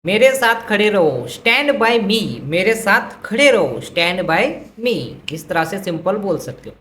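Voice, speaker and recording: A woman teaching English vocabulary who says each phrase slowly twice and then explains it in Hindi. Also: mid-range voice, expressive, a bit bright, a little hiss or hum. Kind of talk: vocabulary lesson.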